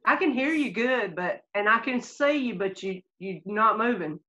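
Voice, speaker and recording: A woman's voice: fairly high pitch, expressive, moderate pace, pushed and bright. A woman heard over a glitchy video call, speaking up as a remote guest in casual chat. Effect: heard through a glitchy video call. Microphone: laptop or phone on a video call. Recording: dull lo-fi video call audio.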